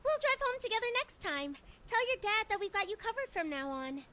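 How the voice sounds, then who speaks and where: Brief: woman plays an easygoing school friend in a visual novel; very high, lively, sweet. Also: brisk, heavily acted. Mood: reassuring.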